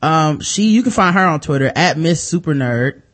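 A man's voice: fairly high pitch, lively intonation, normal speed, fairly bright tone. An American man hosting a podcast, talking in a laid-back way with lots of ums and uhs. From United States. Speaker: podcast host. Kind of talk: casual chat.

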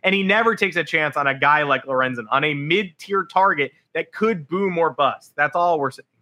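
A man with a hoarse, worn-out voice hosting a casual sports podcast in an animated, sarcastic way. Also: on the high side, moderate pace. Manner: animated, sarcastic, acts out imagined quotes.

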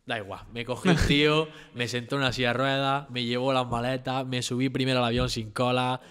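A young man from southern Spain with an Andalusian accent, telling a story as a guest in a relaxed, slang-heavy chat. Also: medium pitch, fairly quick, clean tone. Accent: Andalusian Spanish. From Almería, Spain. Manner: slangy, animated storytelling, full of street fillers. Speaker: rapper and freestyle battler, guest.

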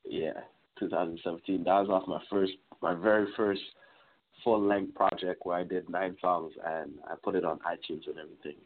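A young man in his twenties from Trinidad and Tobago, talking casually as a musician guest in an interview, relaxed and rambling. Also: low-pitched, moderate pace. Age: 20s. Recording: tinny phone-like line.

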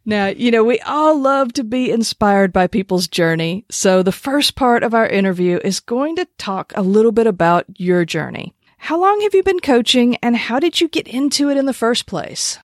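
Upbeat woman podcast host, higher voice. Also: sing-song, normal speed, hardly any pauses, no echo, clean studio sound. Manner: upbeat, enthusiastic. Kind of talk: scripted intro then casual interview.

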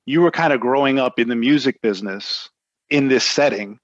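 A man's voice: medium pitch, fairly quick, dry recording, dull audio. A middle-aged man with an American accent chatting casually as an interview guest, rambling and peppering his talk with filler phrases. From United States. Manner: rambling, frequent "you know". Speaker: interview guest, music industry lawyer. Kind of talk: casual reminiscing conversation.

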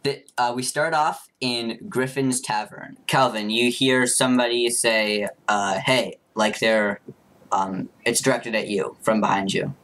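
A young man as game master, narrating a tabletop game in a casual, halting way. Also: medium pitch, steady tone, fairly bright tone.

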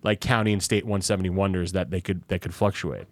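A young adult man in casual podcast chat, telling stories in an animated way and acting out the voices of people he quotes. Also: low voice, fast, no echo.

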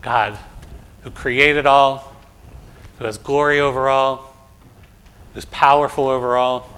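A male pastor reading scripture and giving a gentle children's message, asking questions and often adding "right?". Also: medium pitch, fairly even intonation, takes it slowly, clear, resonant tone. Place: church sanctuary.

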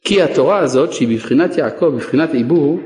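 Guy teaching a religious class, pitch rises and falls a lot, echoey hall. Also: expressive, a little mellow. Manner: explains, asks students questions and answers them himself. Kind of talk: Torah lesson with questions from students. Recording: echoey room with long reverb.

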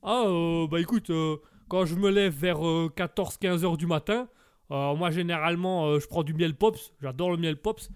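A man's voice: on the high side, moderate pace, clean tone, no room sound, studio quality, natural voice. A man voicing a dim, quarrelsome young slacker who talks in slangy, slurred phrases full of fillers, in a comedy sketch. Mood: brash. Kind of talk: comedy sketch, one performer doing two voices.

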